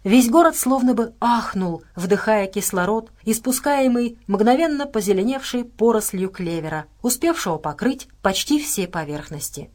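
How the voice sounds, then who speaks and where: A woman reading an audiobook as its narrator, in a steady, measured way with dramatic stresses. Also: on the high side. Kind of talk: scripted narration.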